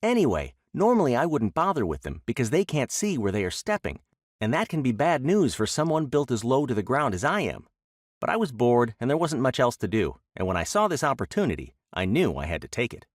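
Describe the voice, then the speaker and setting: Male narrator as trickster rabbit, small and boastful, chatty, very lively intonation, trickster-tale audiobook voice. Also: mid-range voice, brisk, no echo, clean studio sound, voice pushed up. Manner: cocky, jabbering trickster-tale storytelling. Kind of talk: animated audiobook character voice.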